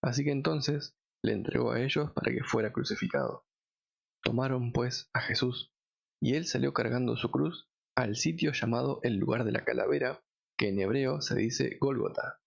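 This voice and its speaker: A man reading scripture aloud in a measured, solemn way. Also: mid-range voice, vocal fry, dull audio. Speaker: Bible reader.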